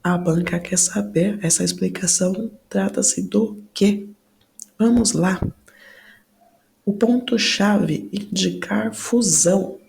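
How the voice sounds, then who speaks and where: A Brazilian woman teacher slowly working through grammar exam questions, stressing key words as she explains each answer. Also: mid-range voice, steady tone, vocal fry, darkish tone. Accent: Brazilian Portuguese. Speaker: Portuguese teacher. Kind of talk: exam prep lesson.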